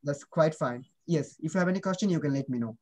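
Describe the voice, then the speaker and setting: A man's voice: fairly high pitch, takes it slowly, a little mellow. A man teaching children pronunciation in an online class. He drills sounds and keeps asking whether the students understand, switching between Bengali and English.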